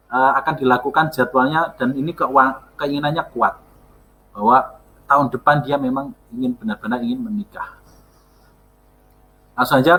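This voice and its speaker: A man teaching a language lesson. He reads example sentences slowly and clearly, then explains them quickly, often adding "ya" and "eh". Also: medium pitch, fairly bright tone. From Indonesia.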